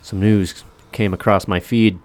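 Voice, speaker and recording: Low-voiced laid-back podcast host. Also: male voice, steady tone, unhurried, darkish tone. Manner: laid-back, laughs often, rambling storyteller. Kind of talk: casual chat and joke telling.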